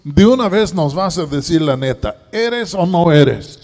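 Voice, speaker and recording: A man voicing an angry old high priest who presses a prisoner with loud demands, heard in a reverberant church hall. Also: expressive, unhurried. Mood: demanding.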